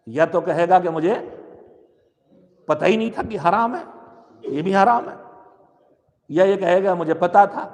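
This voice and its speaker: High-voiced man preaching in a hall. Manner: exhorting, rhetorical questions, varied emphasis. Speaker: cleric giving a majlis address. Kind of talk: sermon. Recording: long hall reverb.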